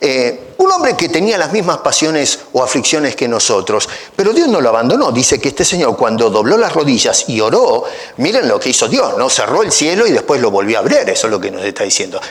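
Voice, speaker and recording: A male pastor delivering a sermon in an animated, swooping voice that climbs sharply on key words. He talks through the passage with rhetorical questions and casual asides to the congregation. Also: medium pitch, a little fast, few pauses. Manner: emphatic rises on key phrases. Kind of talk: expository sermon.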